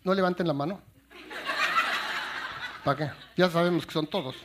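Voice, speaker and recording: A comedian performing stand-up on a stage, his voice sitting high for a man. He tells jokes in a lively, animated way and acts out each character's lines. A faint noise hangs behind him. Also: normal speed. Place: stage before a laughing audience.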